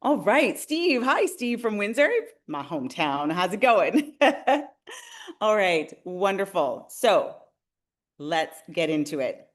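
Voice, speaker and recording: A Canadian realtor in her forties hosts an upbeat webinar, speaking directly to her viewers in a friendly, enthusiastic way. Her voice is medium-pitched and sing-song, and she speaks at a slow pace.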